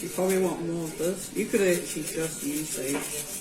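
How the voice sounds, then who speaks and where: Woman, New Zealand Māori accent, fairly low pitch, offhand home-cook tutorial, Māori words mixed in, echoey room, background music. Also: fairly even intonation, moderate pace. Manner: informal, easygoing, offhand. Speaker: home cook presenting a recipe. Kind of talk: casual cooking tutorial, mixing in Māori words. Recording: roomy echo with music behind.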